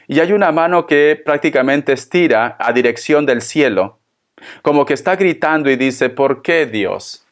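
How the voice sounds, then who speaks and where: Slow, consoling male tarot reader. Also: mid-range voice. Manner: slow, repetitive, consoling, addresses the listener tenderly. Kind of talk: spoken tarot reading to viewers.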